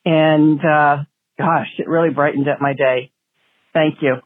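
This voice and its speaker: A woman leaving an earnest, grateful voicemail message, with a few halting restarts, played back over a phone line. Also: sits low, steady tone, no echo. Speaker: listener caller.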